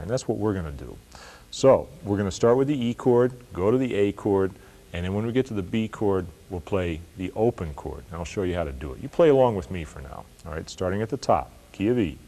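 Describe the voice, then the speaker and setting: A middle-aged man teaching a guitar lesson, explaining and counting in a relaxed way while he plays. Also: lowish voice. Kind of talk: instructional demonstration. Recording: loud guitar playing behind the voice. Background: loud acoustic guitar playing.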